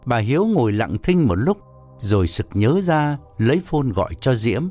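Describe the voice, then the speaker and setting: A man reading a story aloud as narrator, in an expressive storytelling manner. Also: mid-range voice, moderate pace, soft background music. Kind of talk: scripted narration.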